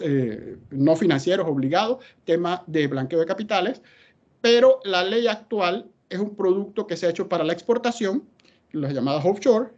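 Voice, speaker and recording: A man's voice: high voice, darkish tone. A man speaks emphatically in a webinar presentation. He poses questions and answers them himself. The audio is dull and lo-fi. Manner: emphatic, asks and answers his own questions. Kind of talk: presentation talk.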